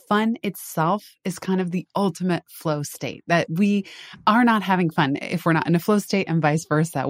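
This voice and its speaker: A woman with a low voice hosting a podcast interview. She asks thoughtful, eager questions. The sound is dry and close, with no room around it. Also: no echo. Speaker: podcast host and author.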